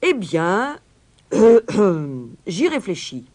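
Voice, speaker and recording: A woman voicing a pompous, scheming male town mayor in a storybook reading, with loud, blustering speech. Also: mid-range voice, big pitch swings, very slow, voice pushed up.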